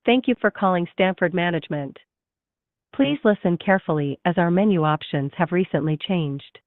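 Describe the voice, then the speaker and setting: A woman's voice: lowish voice, dry recording. Woman's recorded phone menu voice, tinny. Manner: slow, measured, polite announcing. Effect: recorded automated phone menu. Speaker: automated phone system voice. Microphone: heard through a phone call. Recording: tinny dry phone line.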